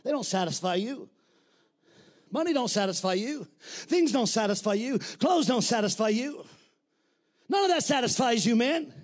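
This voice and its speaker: A middle-aged man preaches a fiery sermon, his voice sitting very high for a man. He talks bluntly and colloquially and often breaks into shouts. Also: animated, normal speed, long pauses. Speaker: pastor.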